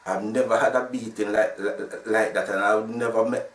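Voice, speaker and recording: Jamaican man in his sixties, deep and roomy. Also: steady tone, normal speed, far from the mic. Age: 60s. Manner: rambling, stuttering restarts. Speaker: sound system founder. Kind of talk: casual interview talk. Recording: roomy, from off the mic.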